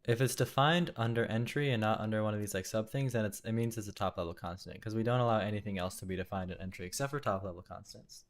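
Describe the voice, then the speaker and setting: Young male programmer, low-ish voice, self-questioning think-aloud at a desk mic, typing underneath. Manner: musing, self-questioning, halting. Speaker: programmer live-coding a compiler. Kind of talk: thinking aloud while coding. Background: keyboard typing and clicking.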